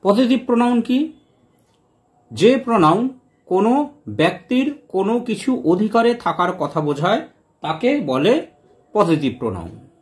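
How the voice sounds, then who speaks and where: A man teaching English grammar in a lesson, explaining step by step and slowly repeating each example sentence word by word. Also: sits high, big pitch swings. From West Bengal.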